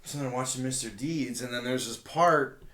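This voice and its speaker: A man's voice: medium pitch, a little fast, fairly bright tone, reverberant. A man hosting a podcast, telling an embarrassing story in rambling, profane casual chat. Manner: rambling, profane, self-mocking. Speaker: podcast host.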